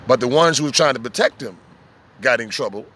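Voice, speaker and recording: Street preacher guy outside, lively storytelling, faint traffic hum behind. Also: mid-range voice, fairly quick. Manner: animated storytelling, acting out voices and jokes. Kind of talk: casual preaching chat. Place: outdoors in the sun.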